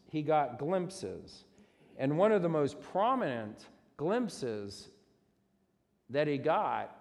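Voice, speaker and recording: A man's voice: on the high side, darkish tone, big-room sound. A man preaching a sermon as a pastor, explaining scripture in an earnest teaching tone.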